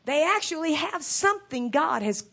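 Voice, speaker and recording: A woman with a high voice delivers an evangelical sermon in the manner of a fervent preacher. She stresses her points emphatically and repeats key phrases to drive them home. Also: sing-song, moderate pace, a bit bright.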